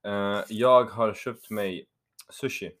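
A man's voice: on the low side, steady tone, a bit bright. A young man, co-hosting a casual podcast chat, playful and sprinkling in English words. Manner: playful, mixes in English words, laughs often. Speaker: podcast co-host.

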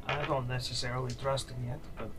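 Medium-pitched man at a game table. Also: flat delivery, brisk, over music. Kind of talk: casual joking game chat.

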